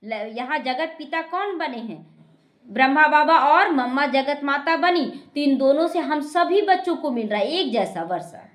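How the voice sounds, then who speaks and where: A woman's voice: high-pitched, lively intonation, unhurried. A woman, a spiritual teacher explaining scripture to a class, repeating her points and speaking straight to her listeners. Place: meditation class hall. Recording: echoey room.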